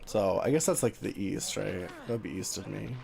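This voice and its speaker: An American man chatting casually as a livestream host while gaming, with an animated, conversational manner. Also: fairly low pitch, moderate pace, vocal fry, a little hiss or hum. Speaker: live streamer host.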